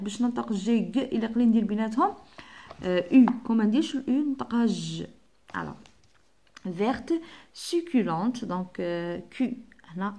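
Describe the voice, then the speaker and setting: A woman primary school teacher, slowly spelling out letters and sounds from a workbook and slipping into Arabic dialect. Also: mid-range voice, darkish tone. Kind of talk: workbook lesson for children.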